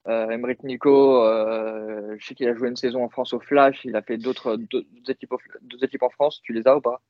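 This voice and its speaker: A man's voice: mid-range voice, fairly even intonation, normal speed, no echo, lo-fi sound. A man co-hosting a casual sports podcast, talking with many fillers and restarts. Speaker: podcast co-host.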